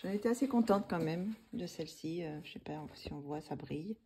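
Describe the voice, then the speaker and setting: A woman's voice: lowish voice, animated, brisk, noisy background. A woman vlogger chatting casually about her coloring books, hesitating often with fillers and restarts. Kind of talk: casual chat.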